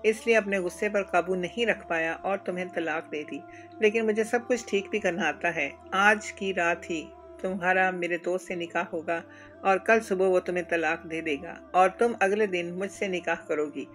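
A woman's voice: on the low side, fairly even intonation, normal speed, fairly bright tone, soft background music, lightly acted. A woman voicing a cruel, controlling grown man, the narrator's husband, speaking in a cold threatening tone. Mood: menacing. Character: cruel controlling adult male husband, menacing.

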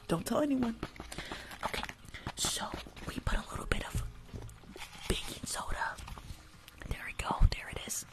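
A woman in her twenties performs a whispered ASMR roleplay as a rude spa worker, close to a desktop condenser mic in a small room at home. Her fairly high voice is animated yet measured, with long pauses, and she's blunt and teasing, often repeating her phrases.

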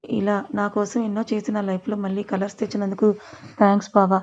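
A loving young mother, voiced by a woman narrator speaks gently and softly. The pitch barely moves. The recording is slightly muffled. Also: level tone, fast, lightly acted. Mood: tender. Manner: gentle, soft-spoken. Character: young new mother, loving and playfully sulky.

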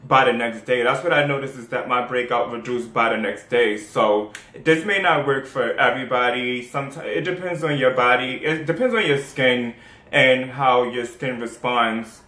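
A young skincare vlogger with a New York accent rambles through his home routine in a casual how-to vlog, chatty and full of "um" and "like" as he restarts sentences. His mid-range voice is sharp in tone at a moderate pace, and speaking close to the camera in a small bare-walled room gives it a noticeable echo.

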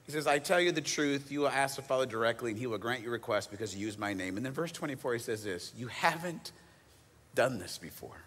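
Guy preaching a sermon, bright punchy voice, goes loud then real quiet, long echo from a big church hall. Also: medium pitch, expressive, fast talker. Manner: dramatic swings from loud emphatic to hushed near-whisper; casual conversational asides, paraphrases scripture in everyday speech. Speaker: teaching pastor. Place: church auditorium.

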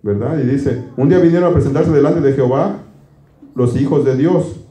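A man's voice: medium pitch, normal speed, warm tone, reverberant. A man preaching a conversational sermon, folksy and quizzing his congregation with questions. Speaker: pastor.

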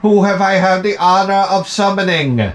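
A man's voice: high voice, fairly even intonation, normal speed, voice pushed up, close to an everyday voice. Man playing a pompous bishop, solemn seance incantation. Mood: grandly solemn. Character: pompous villainous bishop summoning the dead. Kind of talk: dramatic read-aloud of adventure game dialogue.

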